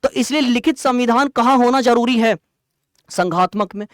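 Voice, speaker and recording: A male teacher giving an online exam-prep lecture, explaining terms plainly and quizzing students with quick rhetorical questions. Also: very high-pitched, a bit bright, no echo, clean studio sound.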